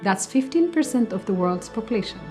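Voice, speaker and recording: A woman from Africa presenting a training module in calm, scripted narration. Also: medium pitch, a little fast, music in the background.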